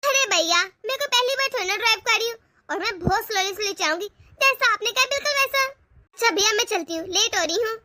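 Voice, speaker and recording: A woman's voice: very high-pitched, animated, fast talker, sharp tone, dry recording, clean studio sound, full character voice. A woman voicing a spoiled young college girl who wheedles and pushes to get her way, in a homemade family drama. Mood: wheedling. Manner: pleading, wheedling.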